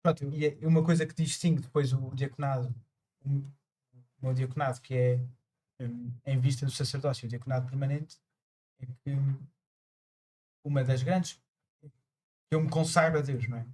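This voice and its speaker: A man, a deacon preparing for priesthood, speaking slowly and reflectively with many pauses and fillers. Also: medium pitch, steady tone, warm tone. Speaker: transitional deacon, guest. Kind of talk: casual conversation.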